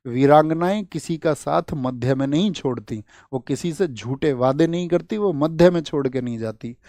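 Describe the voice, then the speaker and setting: Lively Indian male teacher quizzing his class. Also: on the high side, dry recording. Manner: lively, asks the class questions, rhetorical repeats. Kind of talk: exam-prep lecture with mnemonics.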